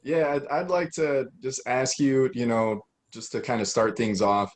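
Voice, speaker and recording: A man co-hosting a podcast, asking measured, easygoing questions. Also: medium pitch, steady tone. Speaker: co-host. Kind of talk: casual podcast interview.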